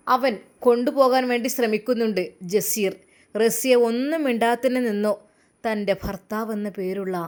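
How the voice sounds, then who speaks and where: A woman narrating a dramatic story emphatically. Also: medium pitch.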